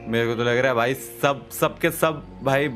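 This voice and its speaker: Joking man narrating a game. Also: mid-range voice. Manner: joking, chatty, switches between Hindi and English; talks fast over the music. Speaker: gaming YouTuber. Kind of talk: playthrough commentary. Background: game music.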